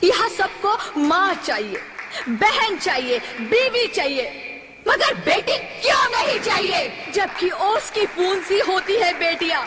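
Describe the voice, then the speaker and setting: A woman's voice: very high voice, very animated, slow, a loud crowd, very noisy, heavily acted. A woman playing the grieving, accusing spirit of an unborn daughter in a declamatory, reproachful stage-drama delivery. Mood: indignant. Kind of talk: Hindi stage-drama acting.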